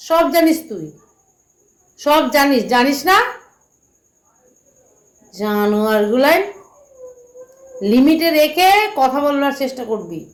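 A woman from ranting angrily to camera as a vlogger, scolding and insulting in repetitive bursts. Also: high-pitched. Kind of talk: angry rant to camera. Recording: echoey room.

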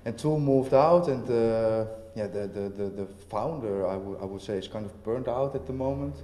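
Halting man in a roomy hall. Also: fairly low pitch, mellow. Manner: hesitant, many fillers and restarts. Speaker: visiting artist. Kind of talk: casual panel talk. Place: festival talk venue. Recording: roomy hall with faint noise.

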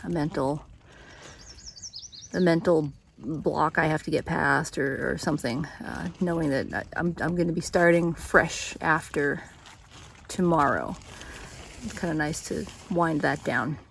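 On her casual trail vlog, this fifties-aged thru-hiker speaks a little slowly, her low voice carrying vocal fry. She holds a phone at arm's length, talking chattily and plainly with lots of fillers and restarts, outdoors on a mountain meadow and later in a small tent, with slight background noise.

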